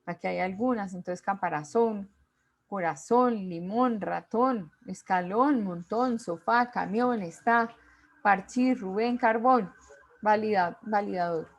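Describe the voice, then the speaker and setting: A woman teacher giving an online class over a video call, explaining rules step by step and reading out lists of words one by one. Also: medium pitch. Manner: slow, deliberate, reads out word lists.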